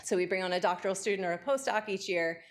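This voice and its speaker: A woman giving an academic lecture, talking quickly and excitedly with frequent fillers and restarts. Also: mid-range voice.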